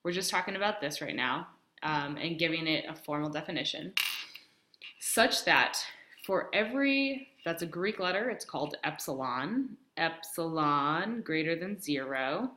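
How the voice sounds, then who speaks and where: A woman's voice: deep voice, expressive, a little slow, sharp tone, slight background noise. A young woman teaching a casual math lesson, chatty and full of ums, with the hiccups. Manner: chatty, many ums, talks to herself while writing. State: has the hiccups. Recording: echoey room.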